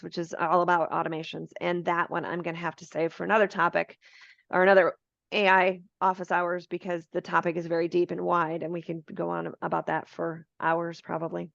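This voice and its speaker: A woman co-hosting a business webinar, walking through software features step by step in a friendly, informal way over a video call. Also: lowish voice, little pitch movement, fairly quick, creaky, no echo, highs cut off. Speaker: webinar co-presenter.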